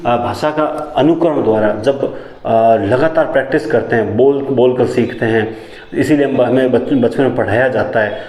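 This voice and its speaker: A man teaching a lesson, who repeats key phrases back as questions and sometimes talks fast enough that his words tangle. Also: medium pitch, a little mellow, echoey room. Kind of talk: classroom lecture on teaching methods.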